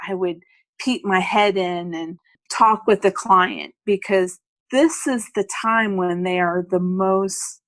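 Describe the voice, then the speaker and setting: Female guest expert, midwife, slow measured explainer, dry close mic. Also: mid-range voice, no room sound. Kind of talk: explanatory interview talk.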